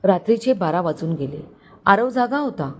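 A woman storyteller narrating a story in a steady, dramatic way. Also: medium pitch, moderate pace.

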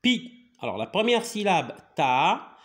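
A man's voice: high voice, very animated, measured pace. A man with a Moroccan accent teaching a reading lesson, patiently spelling out letters and sounds and switching into Moroccan Arabic to explain.

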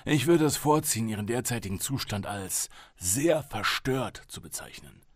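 A man voicing a calm, condescending police psychologist in his early forties in an audiobook reading. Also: mid-range voice, normal speed, dry recording, studio quality, pitched above the performer's own voice, lightly acted. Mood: patronizing.

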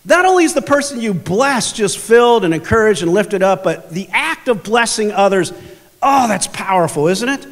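High voiced guy preaching, animated storyteller, long echo like a big church. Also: moderate pace. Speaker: pastor. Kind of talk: sermon. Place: large church sanctuary.

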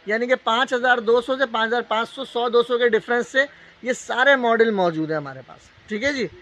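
A man with a Pakistani accent giving a casual, unscripted live sales pitch as a shop salesman, repeating prices and tag phrases. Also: fairly quick, a bit bright. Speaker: shop salesman hosting a live sale video. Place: indoor appliance store, walking the aisles. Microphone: handheld phone. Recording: dull lo-fi phone audio, shop noise.

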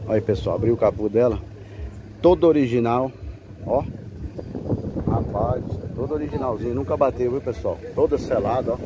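A Brazilian man, a car broker showing a pickup to viewers in a pitchy sales patter, filming with a handheld phone in an outdoor car fair lot. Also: moderate pace, long pauses. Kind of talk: walkaround car sales video. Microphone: handheld phone camera held by the speaker. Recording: outdoor phone audio with background noise.

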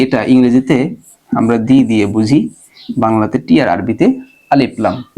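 A man's voice: mid-range voice, warm tone. A man teaching Arabic grammar in an online lecture. He asks his listeners questions and answers them himself, walking through everyday examples. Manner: slows down and gives everyday examples.

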